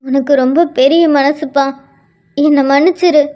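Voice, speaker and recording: A man's voice: very high-pitched, steady tone, moderate pace, highs cut off, voice pushed up. A man voicing an older parent of the heroine who begs forgiveness in an apologetic way, in a cartoon story. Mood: pleading. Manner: begging, apologetic.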